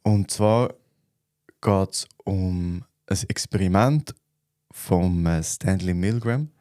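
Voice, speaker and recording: A man with a Swiss German accent, co-hosting a podcast, explaining things in a relaxed way with plenty of fillers. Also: sits low, slow, no room sound, clean studio sound. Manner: relaxed, thinks aloud with fillers. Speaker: podcast co-host. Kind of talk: casual chat.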